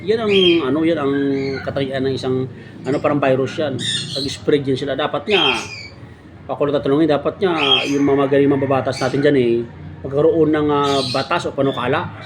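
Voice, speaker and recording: A man's voice: medium pitch, fairly even intonation, fairly quick, pauses often, heavy background noise. A man giving a mock motivational talk on his vlog, sarcastic and preachy, tagging his points with a constant "right?". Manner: sarcastic, keeps asking "di ba?". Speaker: motovlogger.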